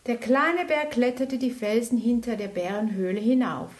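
A woman reading a bedtime story aloud in a gentle, unhurried way. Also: fairly high pitch.

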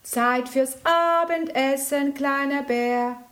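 A big, caring parent bear from a bedtime storybook, calling out long and loud as if from a distance, as a woman reader puts it on. Slow and drawn out, with a gentle, kindly manner underneath. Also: a little high, animated. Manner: calls out from afar, then soft and gentle.

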